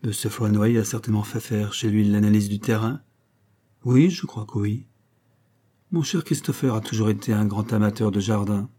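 A man reading a polite, evasive spinster lady of the house in an audiobook, lifting his voice into bright, chatty, formal talk. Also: fairly low pitch, steady tone, moderate pace, close to an everyday voice. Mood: gracious chatter.

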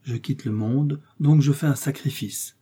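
A man's voice: mid-range voice, measured pace, dark tone, pitched above the performer's own voice. A man voicing a vain, devout young musketeer who speaks politely and modestly. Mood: earnest. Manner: polite, smooth and modest-sounding.

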